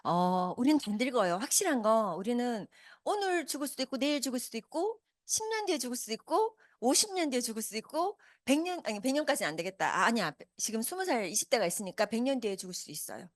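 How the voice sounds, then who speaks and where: A woman's voice: fairly high pitch, very animated, fast, dry recording, clean studio sound. A woman in her fifties gives a motivational business talk to a live audience, asking them many questions. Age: 50s. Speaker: business presenter. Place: meeting hall with a live audience.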